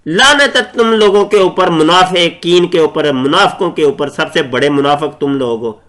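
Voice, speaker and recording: A man's voice: a little high, normal speed, fairly bright tone. A man hosting his channel, giving combative, mocking commentary on a played clip. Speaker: channel host.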